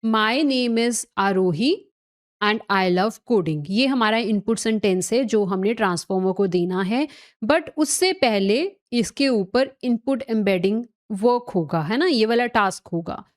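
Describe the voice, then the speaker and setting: A woman's voice: mid-range voice, lively intonation, slow pace. A woman teaching a recorded tech lecture, explaining step by step, mixing in English technical terms and often checking that listeners follow.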